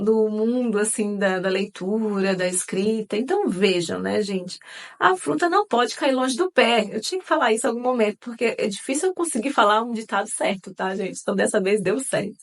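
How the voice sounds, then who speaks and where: A woman hosting her own book channel, chatting casually with viewers and using lots of fillers. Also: on the high side. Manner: chatty, many fillers, addresses viewers as "gente".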